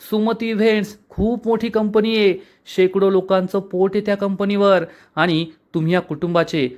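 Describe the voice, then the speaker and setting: A man's voice: high voice, natural voice. A man voicing an exasperated young wife who scolds her husband, in a serial episode recap. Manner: scolding, indignant.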